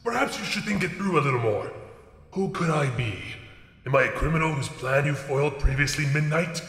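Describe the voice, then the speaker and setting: Give me a creepy unseen kidnapper, played by a man, who gloats slowly and mocks his captives in this audio drama. His voice is sharp and bright, drenched in long echoing reverb as if it booms through a vast hall. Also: lively intonation. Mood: gloating. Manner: slow, gloating, taunting. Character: creepy unseen male kidnapper, smug and mocking.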